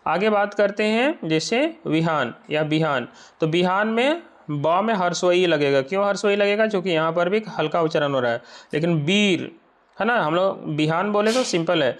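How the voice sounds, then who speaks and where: A man teaching an exam-prep lesson, explaining step by step and often asking whether the point is clear. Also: high voice. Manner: explains slowly, checks understanding with rhetorical questions.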